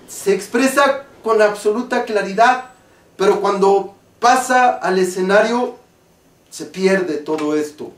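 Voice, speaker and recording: A man with a Mexican accent, an acting teacher explaining stage diction slowly and deliberately. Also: high-pitched. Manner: slow, deliberate, carefully articulated explanation. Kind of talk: spoken lesson on stage diction. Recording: roomy, from a distance.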